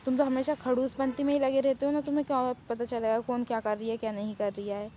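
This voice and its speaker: A woman's voice: sits high, little pitch movement, fast talker, dark tone, a little hiss or hum, natural voice. A woman voicing a cheeky, boastful young woman who loves to pester everyone. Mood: teasing. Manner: brash, teasing, boastful.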